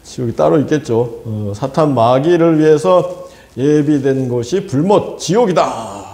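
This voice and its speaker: Animated Korean pastor preaching in an echoey hall. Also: male voice, a little high, measured pace. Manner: animated, laughing often, asks the congregation for amens. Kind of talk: sermon.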